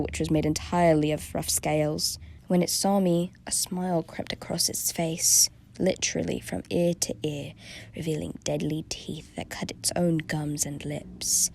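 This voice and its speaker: A woman narrating a first-person horror story from a script, dropping into a hushed near-whisper at tense moments. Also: on the low side, no echo.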